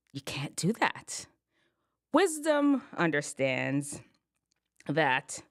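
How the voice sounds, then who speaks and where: A woman hosting an advice show, telling a personal story in a casual, expressive way. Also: deep voice. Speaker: host giving advice to teens.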